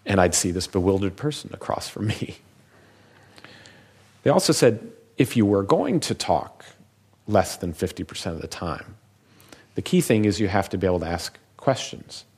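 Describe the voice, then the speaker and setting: A man with a very low, deep voice gives a public talk as a physician. He tells stories in a measured, reflective way, taking his time over each thought. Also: animated, a little mellow, husky.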